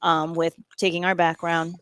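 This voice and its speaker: A woman's voice: on the low side, monotone, moderate pace, fairly bright tone, no room sound. A woman born in Peru who runs a restaurant, talking in a casual interview, chatty and upbeat with many fillers. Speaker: restaurant owner and chef.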